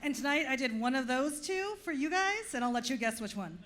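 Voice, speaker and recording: Against a noisy background, a woman's high-pitched voice comes across very animated and brisk. She performs stand-up in a club for an audience, a Long Island, New York native with a Long Island accent whose punchlines are dry and self-deprecating.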